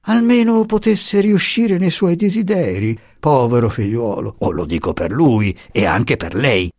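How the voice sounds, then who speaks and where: A man's voice: mid-range voice, lively intonation, a little mellow, no echo, studio quality. A man voicing a sly, fawning older man who coaxes secrets with honeyed, insinuating talk. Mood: coaxing. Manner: honeyed, coaxing, slow and insinuating.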